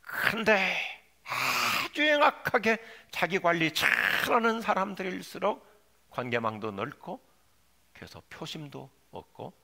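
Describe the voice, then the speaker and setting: A male pastor preaching a sermon, dropping to low quiet asides and rising to shouted, pleading cries. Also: very animated, takes it slowly, gravelly. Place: church sanctuary.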